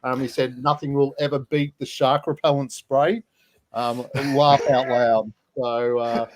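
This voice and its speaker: Male stream host, casual, halting delivery, ordinary mid voice. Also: medium pitch. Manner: halting, many fillers and restarts. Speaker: livestream host. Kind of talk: casual livestream chat.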